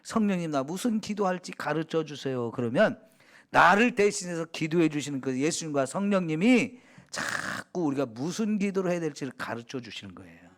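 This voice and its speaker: A middle-aged male pastor from Chungcheong with a Chungcheong accent, preaching a sermon in a conversational way, asking the congregation questions and sometimes dropping to a hush. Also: high voice. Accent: Chungcheong Korean. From Chungcheong, Korea. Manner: conversational, asks the congregation questions and answers them; drops to a soft hush when quoting prayers.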